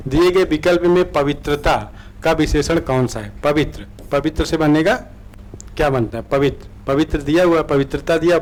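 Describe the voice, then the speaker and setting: A man's voice: a little high, a little mellow. A man teaching an online exam-prep lesson, asking questions and answering them himself, repeating key words and often correcting himself. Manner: explains by asking and answering his own questions.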